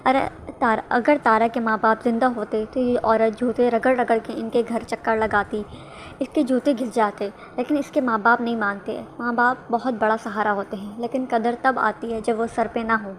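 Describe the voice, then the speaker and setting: A woman's voice: on the high side, fairly even intonation, slight background noise, lightly acted. A woman reading the part of a sympathetic, regretful older woman in a storybook reading. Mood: sorrowful.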